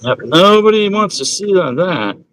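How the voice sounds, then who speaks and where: This fishing companion, very animated with a high, slightly bright voice, talks a little slowly. He jokes and teases casually while fishing outdoors from a pontoon boat on a lake.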